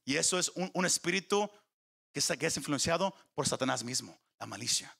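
A man's voice: a little high, animated, fairly quick, vocal fry, pushed and bright, husky. A man preaching a sermon to his congregation, climbing in emphasis, often stumbling over repeated words and putting questions to the listeners. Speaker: pastor.

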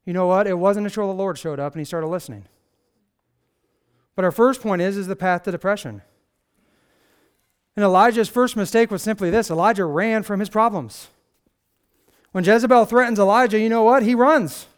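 High-voiced man preaching casually. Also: normal speed, pauses often, clean tone. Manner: conversational, sarcastic, animated storytelling with acted quotes. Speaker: pastor. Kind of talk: casual sermon.

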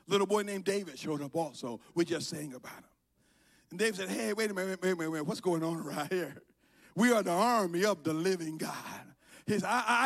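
A high-pitched man in middle age, raised in Liberia, preaches from the pulpit of a church. He talks low and easy through the Bible story, then climbs into loud, shouted calls. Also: vocal fry. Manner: preaching with swings from quiet talk to shouted calls. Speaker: pastor. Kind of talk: sermon. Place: church sanctuary.

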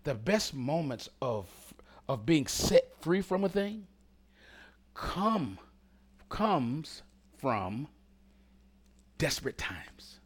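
A man preaching a sermon, talking directly to the congregation and swinging between loud calls and hushed whispers. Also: fairly high pitch, animated, drawn-out words, long pauses, husky.

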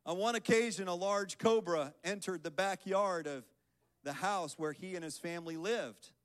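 A man's voice: sits high, normal speed. A man giving an earnest sermon as guest preacher at a church service, reading scripture and building into prayer.

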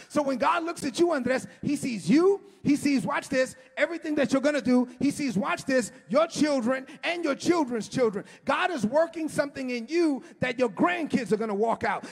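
A middle-aged man preaching an impassioned sermon as a pastor, often shouting and stretching his words, recorded in a church sanctuary. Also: extremely high pitch, gravelly. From United States. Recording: long hall reverb.

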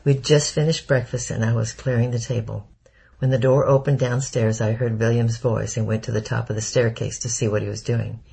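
A man reading a first-person story aloud in a steady, measured narration. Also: medium pitch, gravelly, breathy edge. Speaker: audiobook narrator.

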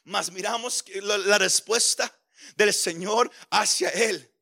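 A man's voice: high-pitched, takes it slowly, creaky, pushed and bright. A male pastor preaching a sermon with impassioned delivery, often stammering over repeated words.

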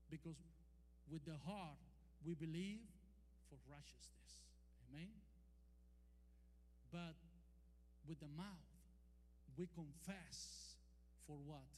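This sermon comes from a Costa Rican man whose voice is a little high with a darkish tone, marked by a Costa Rican Spanish accent. He calls for amens, trades calls and responses with the congregation, and leans hard on long, emphatic scripture quotes. Recorded in a church hall, the audio has long reverb and a faint hum.

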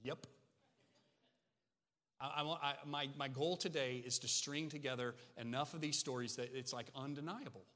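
A man preaching a sermon as a pastor, talking in a conversational, animated way that swings between hushed and emphatic. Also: mid-range voice, normal speed. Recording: long reverb of a large hall.

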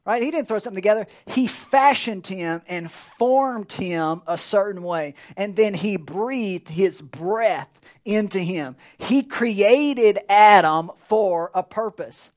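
A middle-aged man, a pastor, preaching a sermon in a conversational way, speeding through asides and slowing down hard on key words. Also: high-pitched. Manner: conversational preaching with quick bursts and drawn-out emphasis.

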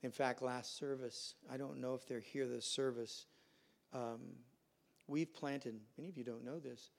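Gravelly-voiced pastor preaching a sermon. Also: male voice, medium pitch, fairly even intonation, unhurried. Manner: storytelling, acts out quoted voices. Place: church sanctuary.

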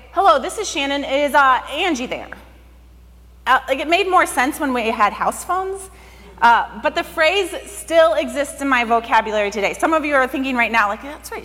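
A woman's voice: fairly high pitch, a bit bright. A woman pastor giving a sermon in a conversational way, often saying "like". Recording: long hall reverb.

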